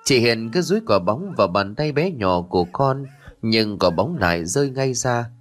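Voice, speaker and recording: A man narrating a ghost story in an expressive, dramatic storytelling style. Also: mid-range voice, moderate pace.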